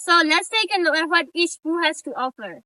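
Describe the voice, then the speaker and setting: Young female event host, slow careful reading, dry close mic. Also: very high voice, pushed and bright, no echo, poor audio. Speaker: English-language event MC. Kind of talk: scripted event announcing.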